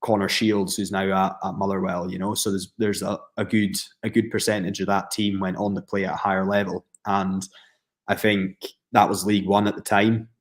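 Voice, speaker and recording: Answering at length as a podcast guest, the Scottish pro footballer speaks in a low, nearly monotone voice at a moderate pace. He is steady and reflective, often restarting and leaning on fillers.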